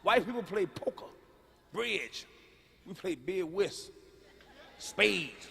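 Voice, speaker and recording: High, bright-voiced profane stand-up comic. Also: male voice, expressive, slow, creaky, husky. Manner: profane, loud storytelling with sudden hollers. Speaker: stand-up comedian. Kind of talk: stand-up comedy set. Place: comedy stage before a live audience. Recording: live hall recording with reverb.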